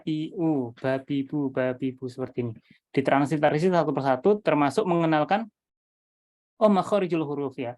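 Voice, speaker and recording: A man's voice: a little high, a little mellow. A man presenting his Quran reading method to teachers over a video call, thinking aloud with many fillers and restarts.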